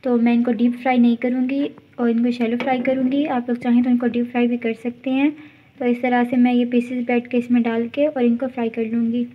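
A woman hosting her home cooking channel, explaining each step in a steady voice-over. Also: on the high side, a little fast, dull audio, slight background noise. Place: home kitchen.

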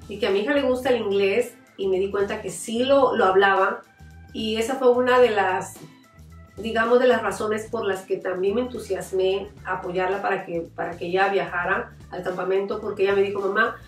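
A middle-aged mother speaks heartfelt and reflective, often restarting her sentences, at an ordinary pitch for a woman. Her voice rings in an echoey room, picked up from some distance by the mic. Faint music plays underneath. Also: fairly even intonation, fairly quick. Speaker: mother of a former camp participant. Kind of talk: interview, personal testimony.

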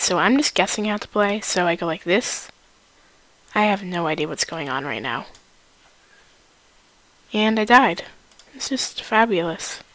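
A woman hosts a gaming video with live commentary on her play. She comes across as an excitable, easily panicked gamer with a mid-range voice. The sound is dry, with very little room echo. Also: medium pitch.

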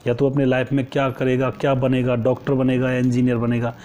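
A man's voice: medium pitch, completely flat delivery, a little fast, mellow, slight background noise, natural voice. A man voicing a drunk man who rambles questions at a street dog. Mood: teasing.

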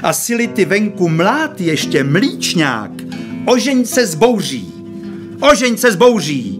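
A man voicing a mocking woman who laughs and taunts a stranger, over loud guitar. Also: high voice, sing-song. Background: loud plucked guitar.

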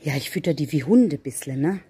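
A woman with a low, warm, mellow voice talks casually to her viewers while feeding her animals. She slips into a sing-song coo whenever she calls to the cats. There is a faint hiss of noise behind her. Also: animated, fairly quick. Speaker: vlogger feeding pets.

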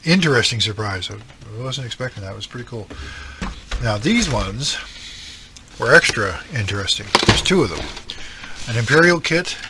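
A man's voice: medium pitch, animated, moderate pace, heavy background noise. A middle-aged man with an East Coast Canadian accent, chatting casually and rambling about his hobby with many ums and self-deprecating asides. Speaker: scale modelling channel host. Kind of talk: casual chat.

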